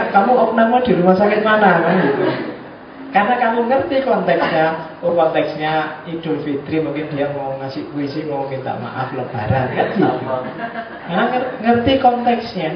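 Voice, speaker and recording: A man's voice: sits high, recorded from a distance. Guy lecturing students, cracking jokes, dull lo-fi recording with noise behind. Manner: joking, chatty, acts out examples. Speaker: university lecturer. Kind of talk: classroom lecture. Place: lecture room. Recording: echoey room from afar, dull lo-fi, background noise.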